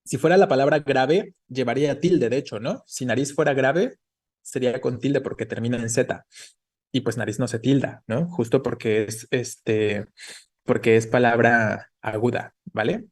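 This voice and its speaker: A man's voice: mid-range voice, moderate pace. A man teaching an online class, explaining patiently and checking in with the students often. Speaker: Spanish teacher.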